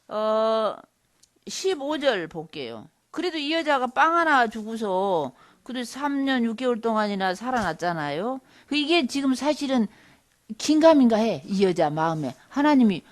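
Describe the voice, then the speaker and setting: Woman teaching a bible history class, talks casual with lots of asides to the students. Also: fairly high pitch. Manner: conversational, with rhetorical asides. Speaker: seminary lecturer.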